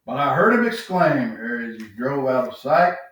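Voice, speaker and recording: A man's voice: very animated, moderate pace, fairly bright tone. A man playing jolly old Santa Claus, reading a children's story aloud in a hearty, theatrical, exclamatory way. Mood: storytelling. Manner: hearty, exclamatory, booming ho-ho-ho laughs. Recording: very echoey room, distant mic, faint music.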